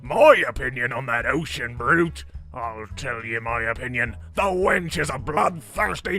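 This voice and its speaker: Blustering, bitter pirate captain, forceful. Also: male voice, a little high, heavily acted. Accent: pirate-style. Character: bitter, vengeful old male pirate sea captain.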